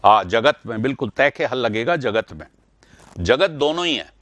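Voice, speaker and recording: A man's voice: medium pitch, sing-song, moderate pace, fairly bright tone, no echo. A man teaching Hindi spelling and pronunciation in an online class, repeating words to stress the correct sounds and correcting students directly. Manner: addresses students directly, correcting their answers.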